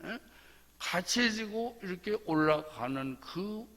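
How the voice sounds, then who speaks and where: Man pastor at dawn prayer, slow and dramatic, kinda high voice, big church echo. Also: animated, fairly bright tone. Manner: emphatic, repetitive, dramatic storytelling. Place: church sanctuary.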